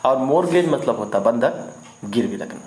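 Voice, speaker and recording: A man's voice: medium pitch, expressive, moderate pace, darkish tone. A man teaching vocabulary in an online lesson, repeating each word and often asking if students follow. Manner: repeats words and keeps asking "ठीक है ना?". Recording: echoey room with faint noise.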